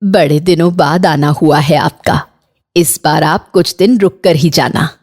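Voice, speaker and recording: A woman voicing a stern middle-aged mother-in-law in a cartoon, talking in a measured, commanding way. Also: low voice, a little mellow, voice pushed down. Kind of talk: Hindi cartoon voice acting.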